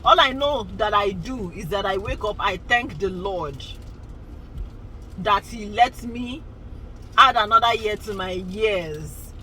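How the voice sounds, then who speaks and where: A woman's voice: mid-range voice, lively intonation, takes it slowly, bright, forceful tone, a little hiss or hum, rough recording. A woman in her forties, chatting casually and rambling to her vlog viewers, often laughing. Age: 40s. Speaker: vlogger. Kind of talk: casual chat to camera.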